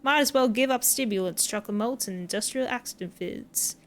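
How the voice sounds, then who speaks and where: A woman's voice: fairly high pitch, fairly quick, a bit bright, a little hiss or hum, natural voice. A woman reading out a rowdy, folksy man who loves death metal, in a put-on American drawl. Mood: boastful.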